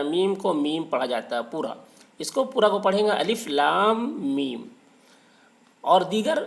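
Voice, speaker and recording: High-voiced man teaching recitation patiently. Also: vocal fry. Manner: explains patiently, repeats letters slowly and drawn out. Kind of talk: step-by-step tajweed lesson.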